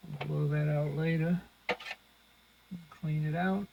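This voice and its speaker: Speaking slowly with vocal fry, a fairly high-voiced man hosting a radio restoration channel murmurs through each step of a hands-on repair in casual, unscripted commentary. His intonation is fairly even, and the dull lo-fi audio has loud noise and clicks.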